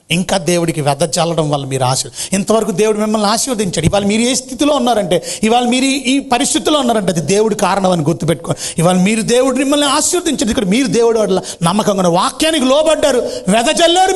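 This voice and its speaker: Brief: a pastor with a high voice preaching animatedly in a church hall and dropping in English phrases. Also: male voice, expressive, quick pace. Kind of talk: sermon. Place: air-conditioned church hall.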